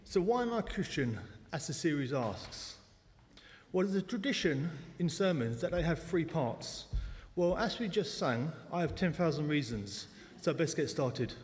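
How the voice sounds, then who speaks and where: A South London man in his forties, with the local accent, gives a chatty, self-deprecating personal testimony as a lay speaker at a church service. His voice is fairly high, expressive, and moderately paced, with long church hall reverb around it.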